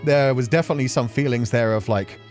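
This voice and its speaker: Talking fast in a slightly mellow, mid-range voice, a man streams a game playthrough over background music, his commentary casual, reflective, earnest and emotional as he rambles.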